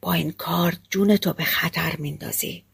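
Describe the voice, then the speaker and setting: A woman voicing a quiet, reserved male hunter in a storybook, speaking tersely. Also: medium pitch, expressive.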